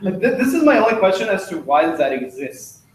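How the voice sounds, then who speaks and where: A man's voice: high voice, big pitch swings, a little fast, very echoey, a little hiss or hum. A young man giving a casual, joking club talk with slides, chatty and full of fillers, recorded from far off in a classroom. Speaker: student club presenter. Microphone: distant room mic.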